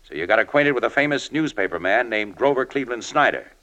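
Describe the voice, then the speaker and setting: An actor in a 1940s style radio drama playing a shrewd, cool American newspaper crime photographer who talks in slangy, needling lines. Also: male voice, medium pitch, lively intonation, fast talker, bright, forceful tone, poor audio.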